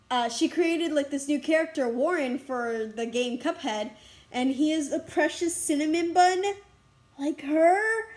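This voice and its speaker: High-voiced excitable young woman vlogging. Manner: rambling, excitable, giggly and breathless. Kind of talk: casual vlog chat. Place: outdoors on a school campus.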